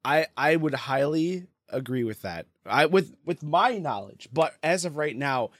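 A man's voice: a little high, expressive, a little slow, fairly bright tone, dry recording, clean studio sound. A man co-hosting a podcast in casual chat, stammering and apologizing with nervous laughs. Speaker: podcast co-host.

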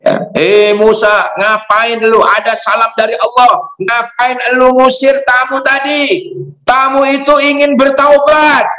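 A shrill scolding archangel. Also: male voice, slow, long pauses, bright, forceful tone, full character voice. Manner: scolding, blunt slangy address. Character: stern male archangel scolding a prophet. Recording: echoey room.

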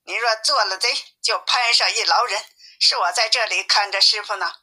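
A woman's voice: mid-range voice, moderate pace, sharp tone. A woman voicing a clever, boastful male monkey king in a storybook reading. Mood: teasing. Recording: tinny phone-like sound.

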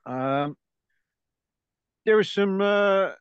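A man with a high, smooth voice co-hosts a casual film podcast, laughing often and trailing off into fillers. The recording is dry, dull and lo-fi.

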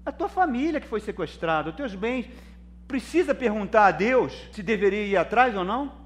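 A man with a Brazilian Portuguese accent preaching a sermon as pastor, swinging between loud emphasis and soft, calling listeners brother. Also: sits high, expressive, normal speed.

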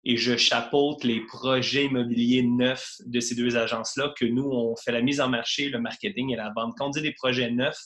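A man in his thirties from Quebec, speaking with a Quebec French accent, chats easily as a guest on a casual remote podcast interview, with many fillers and restarts. His medium-pitched voice is level and a bit bright, at normal speed with hardly any pauses.

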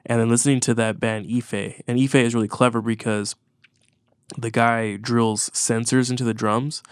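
A man's voice: medium pitch, little pitch movement, moderate pace, smooth, no room sound, studio quality. A congested man on a podcast, chatting casually and rambling with frequent swearing and restarts. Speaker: podcast co-host. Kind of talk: casual chat about music.

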